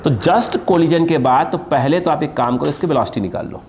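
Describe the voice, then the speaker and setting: A fairly high-voiced man lecturing on physics to a live class. He drags out key terms and keeps throwing questions at the students. A faint hum of room ambience sits behind him. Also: moderate pace, darkish tone. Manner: questioning students constantly, stretching key words. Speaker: physics teacher.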